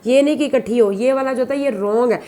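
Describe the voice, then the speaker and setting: Speaking fast in a fairly high, dark-toned voice, a woman teaches a biology lesson to her class. She explains patiently, going over points repeatedly, and often calls the students "beta."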